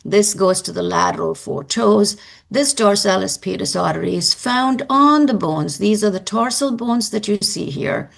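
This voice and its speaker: A woman giving a live anatomy lecture, brisk and emphatic, quizzing her students as she goes. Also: mid-range voice, gravelly.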